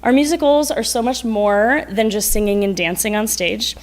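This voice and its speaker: A woman's voice: a little high, moderate pace. A woman teacher presenting at a school board meeting, encouraging children as she puts questions to them. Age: adult.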